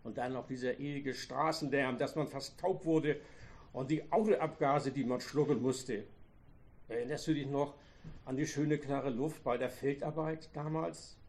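A man's voice: mid-range voice, fairly even intonation, a little slow, natural voice. A man reading as a bitter old farmer. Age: older. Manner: loud, reproachful, sarcastic.

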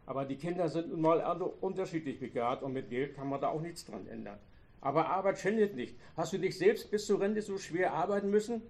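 A woman's voice: sits low, expressive, brisk, darkish tone, voice pushed up. A man voicing an older farm wife who defends her grown children, pleading and later bitter.

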